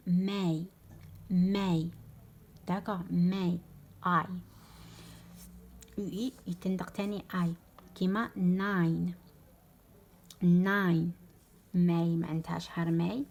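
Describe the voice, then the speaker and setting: A young woman with an Algerian Arabic accent teaching a German lesson, repeating example words slowly and dropping French words into her explanations. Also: fairly low pitch, darkish tone, slight background noise. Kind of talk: online language lesson.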